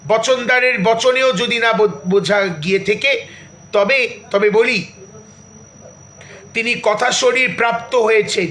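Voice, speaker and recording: A man narrating a reflective literary memoir in a measured, bookish storytelling manner, with asides to the listener. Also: very high-pitched, fairly bright tone, roomy sound, low-quality recording.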